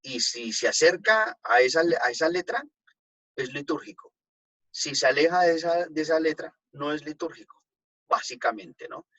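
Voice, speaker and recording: A man, a priest, giving a relaxed talk on liturgy to a group and taking their questions, checking in often with his listeners. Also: a little high, moderate pace, low-quality recording. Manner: conversational, checks in with "¿no?" and "pues". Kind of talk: informal teaching talk with audience questions.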